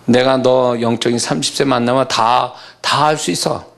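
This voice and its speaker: A man preaching who voices God speaking calmly and reassuringly to a worried believer, slowly and in a lower voice. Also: gravelly.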